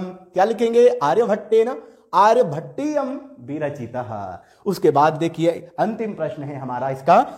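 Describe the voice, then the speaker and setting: A man's voice: high voice, a little mellow. A man teaching a lesson, asking questions and then answering them himself. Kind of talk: classroom lesson explaining exercises.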